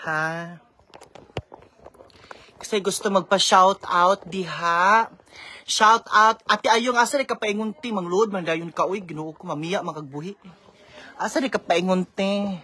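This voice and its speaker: A woman vlogging in a casual live-stream chat, chatty, reading out viewer shout-outs and mixing in English. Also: lowish voice, unhurried, husky. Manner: code-switches freely with English.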